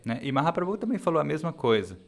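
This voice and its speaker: A man's voice: fairly high pitch, very animated, quick pace, creaky, crowd noise. A man interpreting a sermon phrase by phrase, in an earnest, repetitive way. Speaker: interpreter for a lecture. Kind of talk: consecutive sermon translation.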